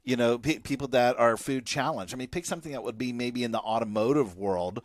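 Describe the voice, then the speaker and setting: A man's voice: mid-range voice, brisk, dry recording. A man co-hosting a podcast, talking in a casual, conversational way with frequent restarts and asides. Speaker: podcast co-host.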